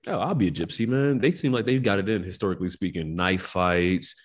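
Podcast co-host, man, very deep voice, loose and slangy, animated. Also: fairly quick. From United States. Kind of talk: casual chat.

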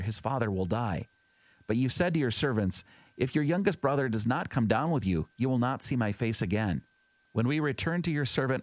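A man reading scripture aloud in a measured, even way, giving quoted speech in his plain voice. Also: mid-range voice, no echo. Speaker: scripture reader. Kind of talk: steady scripted Bible reading.

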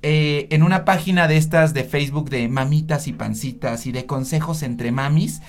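Mexican male doctor, panel guest, sarcastic and jokey, voice a bit high. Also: normal speed. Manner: sarcastic, joking storyteller. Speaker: doctor and social media health creator. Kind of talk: panel talk, personal storytelling.

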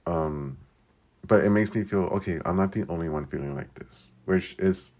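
A man's voice: low-pitched, normal speed, darkish tone. A twenty-year-old man from California, talking alone in a rambling, casual way, full of "like" and swearing. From Southern California. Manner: rambling, filler-heavy with lots of "like" and frequent swearing. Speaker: podcast host. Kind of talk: casual solo monologue.

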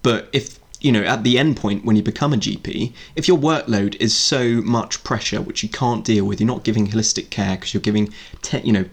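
A man's voice: on the low side, fairly quick, gravelly, few pauses. A British man co-hosting a casual podcast chat, talking with lots of ums and restarts. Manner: hesitant, full of fillers and restarts. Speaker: podcast co-host.

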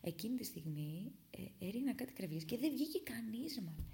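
Young woman from Greece, vlogger telling her own story; low, gravelly voice, dark tone, dramatic whisper-to-burst delivery. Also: animated. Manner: dramatic retelling that swings between hushed whispers and loud bursts. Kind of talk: casual storytelling.

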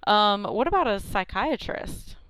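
Casting: playful woman podcast co-host, smooth clear voice, dry close sound. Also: mid-range voice, animated, measured pace, a bit bright, no echo. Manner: playful, quizzing, laughs often. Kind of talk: casual chat.

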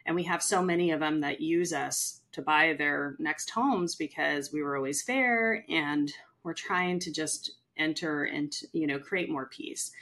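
Chatty low-voiced woman with a gravelly edge. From California. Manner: chatty, animated storyteller who acts out quotes. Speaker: real estate agent. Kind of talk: casual podcast conversation.

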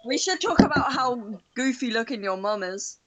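Teasing high-voiced young woman. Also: expressive, normal speed, a bit bright, poor audio. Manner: teasing, provocative. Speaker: podcast co-host. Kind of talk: casual banter. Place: outdoors.

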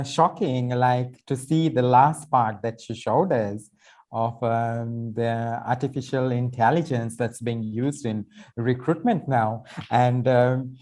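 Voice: medium pitch, darkish tone. Fijian-accented host, conversational and hesitant. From Fiji. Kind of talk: online panel moderating.

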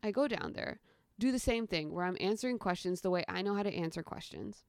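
A woman's voice: mid-range voice, brisk, gravelly, dry recording, clean studio sound. A young adult woman, a podcast guest, telling her stories casually and animatedly, acting out the dialogue with lots of "like.". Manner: animated, acts out quoted dialogue, frequent "like". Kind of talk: casual storytelling interview.

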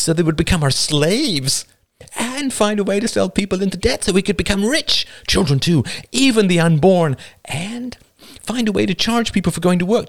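A man reading a calm, earnest teenage girl. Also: mid-range voice. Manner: earnest, reflective, unhurried. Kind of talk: audiobook reading.

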